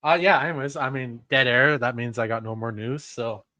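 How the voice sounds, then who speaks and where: Blunt, bright-voiced man swearing freely. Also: medium pitch, fairly even intonation, moderate pace, dull audio. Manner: blunt, profane, exasperated ranting. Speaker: wrestling podcast co-host. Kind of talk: casual wrestling news chat.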